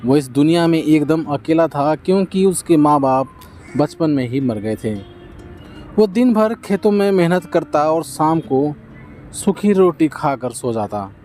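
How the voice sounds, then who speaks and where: A man narrating a children's folk tale in a gentle, steady scripted storytelling manner. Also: on the high side.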